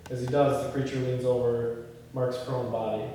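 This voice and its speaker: A man leads a group table read, reading a screenplay's stage directions aloud and chatting casually in between. His mid-range, mellow voice is flat at normal speed, picked up by a distant mic in an echoey, reverberant hall with faint noise.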